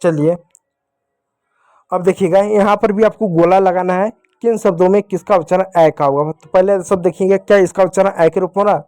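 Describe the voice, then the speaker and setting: High-voiced man teaching children patiently. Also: steady tone, fairly quick, a little mellow, no room sound. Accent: Hindi. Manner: patient, repetitive, asks and answers his own questions. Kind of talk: classroom lesson.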